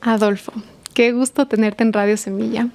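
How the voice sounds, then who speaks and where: Friendly woman podcast host, mellow tone. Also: a little high, little pitch movement, normal speed, vocal fry. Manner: friendly, inviting questions. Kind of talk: podcast interview.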